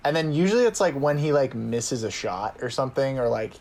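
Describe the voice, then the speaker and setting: A young man co-hosting a sports podcast, chatting casually and telling animated stories with frequent laughs. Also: medium pitch, brisk. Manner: animated storyteller, laughs often. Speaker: podcast co-host. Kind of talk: casual chat.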